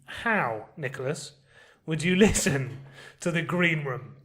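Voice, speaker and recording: Picture an upbeat man with a Scouse accent and a fairly high voice, hosting a casual podcast chat. He jokes easily with his co-host and nudges listeners to subscribe. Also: lively intonation, slow pace, fairly bright tone. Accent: Liverpool Scouse. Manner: upbeat, jokey, plugs the show.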